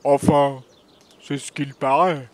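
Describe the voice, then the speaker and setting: Big male moose, drawling and evasive, voiced by a man, slow and easygoing, for a kids' audio tale. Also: flat delivery, close to an everyday voice. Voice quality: deep drawling voice. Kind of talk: children's audio story acting.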